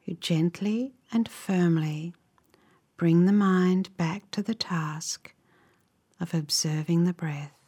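Her voice on the low side, a woman talks listeners through a guided meditation. The delivery is calm, measured, and instructive, with gentle, breathy endings to her phrases.

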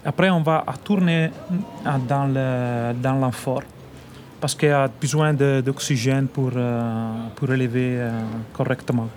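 A man's voice: mid-range voice, measured pace, darkish tone, a little hiss or hum. A man from Italy speaking French with an Italian accent, a winemaker answering radio interview questions and often restarting as he searches for words. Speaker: winemaker guest.

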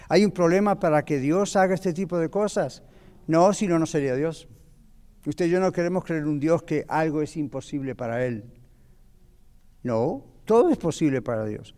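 A man's voice: fairly high pitch, dark tone, big-room sound. A man teaching a Bible lesson to a church class, explaining patiently and asking the audience questions.

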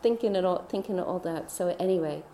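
A woman telling a personal faith story in a chatty way, laughing often and dropping into soft whispers. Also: fairly low pitch, quick pace, reverberant, a little hiss or hum. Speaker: speaker.

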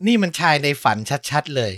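A man's voice: a little high, big pitch swings, fairly quick, a bit bright, no echo, studio quality. A man hosting a podcast, chatting casually in a playful, teasing way. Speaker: podcast host.

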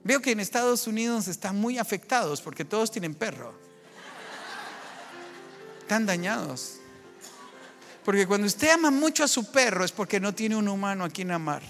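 A man who is a pastor, preaching a sermon at a family conference, moving from lively, loud storytelling to a hushed, slow prayer. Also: high-pitched, faint music behind.

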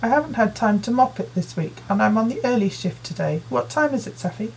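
A woman voicing a busy working mother who fusses and hands out chores in a brisk, nagging way, read as an audiobook character. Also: fairly high pitch, expressive, gravelly, darkish tone, a little hiss or hum, rough recording. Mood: bossy. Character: busy, fussing working mother in her forties.

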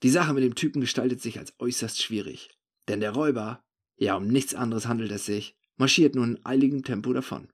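Male first-person narrator, wry and conversational, mid-pitched. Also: a little fast, breathy edge.

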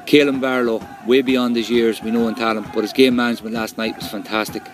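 An Irish man with a mid-pitched voice talks as a football fan reviewing a match. His delivery is fluent and colloquial, like an informal report to fellow supporters. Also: flat delivery, fast, slight background noise.

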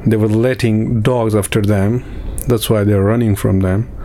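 A man from Afghanistan, giving halting personal testimony in an interview, with many pauses and restarts. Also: on the low side, fairly even intonation, mellow, slight background noise. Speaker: interviewee, refugee in a camp.

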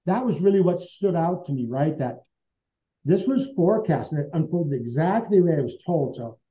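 A man's voice: a little high, sing-song, moderate pace, warm tone. Earnest man telling his story. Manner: earnest, conversational, acts out remembered dialogue. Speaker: interview guest. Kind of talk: personal storytelling in conversation. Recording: dull lo-fi sound.

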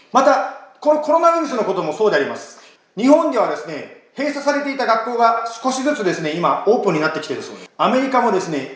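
A man, a pastor, giving an emphatic, animated sermon and leading a prayer. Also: high voice. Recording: echoey room.

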